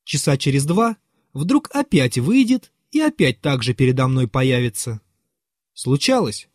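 A man reading a classic novel aloud as an expressive, dramatic audiobook narration. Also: on the high side, no echo, clean studio sound. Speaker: audiobook reader.

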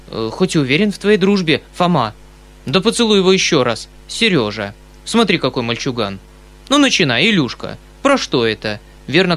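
A man voicing an excitable, kindly old colonel. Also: fairly high pitch, pitched above the performer's own voice. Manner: loud exclamations, eager and fussy. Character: excitable kindly retired colonel, middle-aged, eager. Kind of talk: audiobook character reading.

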